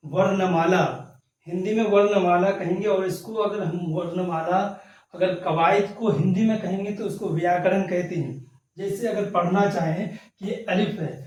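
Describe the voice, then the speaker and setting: A man's voice: high-pitched, a little mellow. A man teaching the alphabet, patiently sounding out and repeating each letter. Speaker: Urdu teacher. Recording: echoey room, voice far from the mic.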